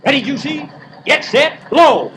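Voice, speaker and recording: An actor playing a boastful, bumbling cowboy outlaw in a 1930s live radio comedy, with brash, indignant timing. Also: male voice, extremely high pitch, very animated, measured pace, exaggerated voice. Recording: noisy 1930s radio broadcast.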